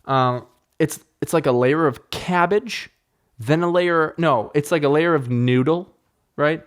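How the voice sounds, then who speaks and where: A man's voice: a little high, a little slow. A man hosting his own podcast, chatting casually into a podcast microphone indoors, rambling and swearing cheerfully. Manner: rambling, profane, upbeat. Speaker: podcast host. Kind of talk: casual solo podcast chat. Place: indoor room.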